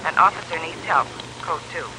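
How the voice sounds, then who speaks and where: An actor playing a police dispatcher heard over the radio in a 1950s radio drama, calling out units and codes in a clipped, repetitive way. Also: male voice, fairly high pitch, a little fast. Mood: urgent. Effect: police radio transmission. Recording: noisy radio broadcast recording.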